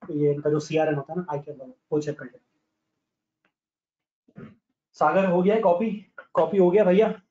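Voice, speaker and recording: A male teacher with a slightly hoarse voice, giving an online lecture in a blunt, scolding way and calling on students by name. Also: a little high, flat delivery, moderate pace, pauses often, dark tone. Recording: echoey, dull lo-fi online class audio.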